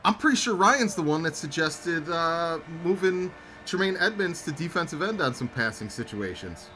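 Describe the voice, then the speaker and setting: A young man with a bright, somewhat high voice chats casually as co-host of a simulated football stream. He rambles through long anecdotes and reads viewer comments aloud. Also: animated, normal speed. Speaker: co-host of a game-sim stream. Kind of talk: casual chat over a simulated football game.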